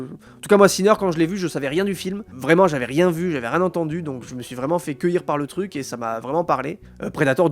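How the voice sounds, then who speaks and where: A man's voice: fairly high pitch, darkish tone. Chatty man on a live stream. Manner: chatty, many fillers, addresses viewers. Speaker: streamer host. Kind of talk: casual live-stream film chat.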